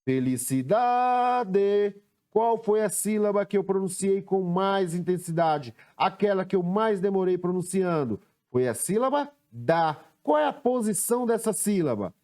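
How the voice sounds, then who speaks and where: In a recorded lesson, a male teacher with a Brazilian Portuguese accent slowly sounds out words and stresses their syllables. His voice sits high and has a warm tone.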